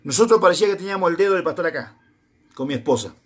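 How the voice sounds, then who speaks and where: Preaching in a voice strikingly high for a man, a middle-aged Argentine speaker with an Argentine Spanish accent delivers his personal testimony as a sermon. He tells it as a story, acting out each conversation by voicing both sides in turn. His delivery is expressive and racing, with a fairly bright tone.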